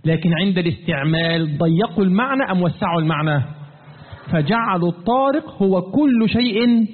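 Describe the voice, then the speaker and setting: A man teaching a Quran commentary class, lively, asking his students questions and answering them himself, and chanting verses slowly. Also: fairly high pitch, husky. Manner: recites verses in a slow chant. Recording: tinny phone-like line with long reverb.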